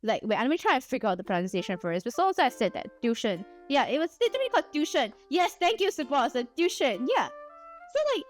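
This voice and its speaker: A woman's voice: sits high, fast talker. A young woman from Singapore with a Singaporean accent, chatting casually and animatedly while streaming a game. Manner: animated and chatty, frequent laughs and exclamations. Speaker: VTuber streamer. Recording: dry close mic, soft music behind.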